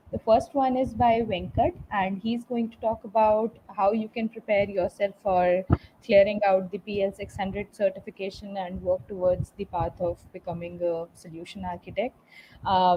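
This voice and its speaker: A woman hosts a meetup on a video call with a friendly, organized manner. Her mid-pitched voice comes through muffled call audio with faint background hiss. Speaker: meetup host. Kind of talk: event hosting.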